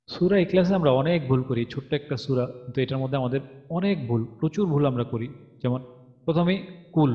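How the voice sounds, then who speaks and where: A male recitation teacher talks through the rules with patience. He slows down to chant each verse as a model. His voice comes through a dull, muffled line and trails off with a long echo. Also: mid-range voice. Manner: explains patiently, chants verses slowly to demonstrate. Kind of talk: online tajweed lesson. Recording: dull audio with long reverb.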